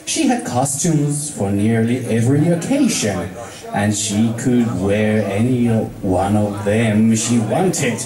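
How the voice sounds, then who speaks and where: At a fan meet-up, a man with a Finnish accent reads fan fiction aloud to a group as an amateur, stumbling over words and rereading them. His voice is low, expressive and slow. The room echoes, and a crowd can be heard in the background.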